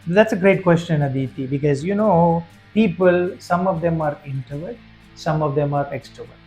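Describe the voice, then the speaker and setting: A man's voice: fairly high pitch, moderate pace, a little mellow, faint music behind, poor audio. A man from Sri Lanka, a guest in an interview, speaking earnestly with frequent fillers and restarts. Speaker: guest, festival director and business owner. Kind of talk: conversational interview.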